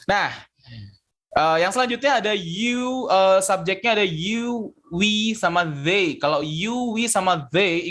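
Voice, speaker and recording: A young male teacher leads an online pronunciation class, pitched a little high for a man. He slips back and forth between Indonesian and English mid-sentence. He repeats each word and syllable over and over as he explains, patient and steady. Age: young adult. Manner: patient, repeats words and syllables many times while explaining.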